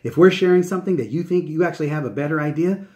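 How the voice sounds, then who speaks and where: A man's voice: fairly high pitch, rapid-fire, mellow, lo-fi sound. A man hosting a channel introduction in an open, friendly, welcoming way, enthusiastic and emphatic, often checking in with short tag questions. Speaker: channel host, live event specialist. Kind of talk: upbeat promotional channel introduction to viewers.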